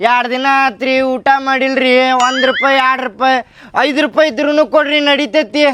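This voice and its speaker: A man's voice: very high voice, steady tone, moderate pace, background noise. A man playing a pestering street beggar. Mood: pleading. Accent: North Karnataka Kannada. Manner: pleading, persistent. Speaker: comedy sketch actor. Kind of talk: comic sketch acting.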